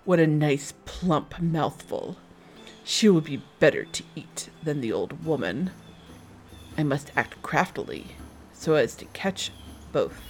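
A woman voicing a sly, hungry male wolf who talks low, slow and coaxing. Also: animated, a little mellow, slight background noise. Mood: scheming.

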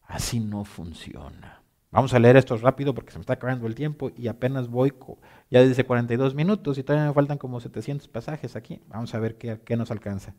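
A male preacher, mid-pitched and conversational. He drops to near-murmurs for intimate points, then rises loud and emphatic, often calling out to his listeners directly. The delivery is informal and lively rather than formal. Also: fast. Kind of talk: sermon.

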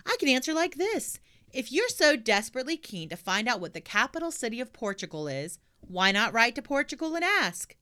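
A woman voicing a bold, cheeky little girl of nine with quick, gleeful comebacks. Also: a little high, very animated, bright, forceful tone, smooth, pitched above the performer's own voice.

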